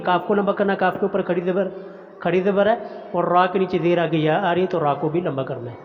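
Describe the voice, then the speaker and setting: A man teaching a Quran recitation lesson, chanting words slowly and drawn out, then explaining pronunciation in quick plain talk. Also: high-pitched. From Pakistan. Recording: dull audio with long reverb.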